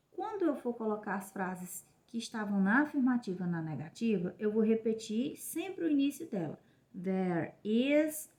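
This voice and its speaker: A woman with a Brazilian Portuguese accent, an English teacher giving a recorded lesson to children, who explains slowly and clearly and switches between Portuguese and English. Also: fairly high pitch, darkish tone.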